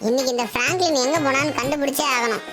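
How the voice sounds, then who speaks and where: An adult voicing a cheeky, mischievous little boy in a game role-play, chatty and quick to scold, with loud game music behind. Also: high-pitched, natural voice. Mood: grumbling.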